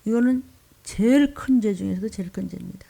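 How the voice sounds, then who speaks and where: A woman's voice: mid-range voice, fairly quick, creaky, mellow. A woman pastor preaching a sermon, scolding and pleading, often dropping into a whisper.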